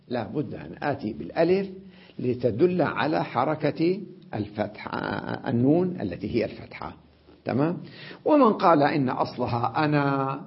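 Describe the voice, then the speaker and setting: A man teaching an Arabic grammar lesson, explaining step by step, checking with his students and slowly repeating example words. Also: medium pitch, breathy edge. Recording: dull lo-fi lecture recording.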